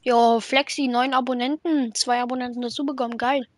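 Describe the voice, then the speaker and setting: A young woman chatting slowly and laughing with a friend on a gaming livestream. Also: on the high side, fairly even intonation. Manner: slow, drawn-out, laughs a lot. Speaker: co-streamer friend. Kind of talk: casual gaming stream chat.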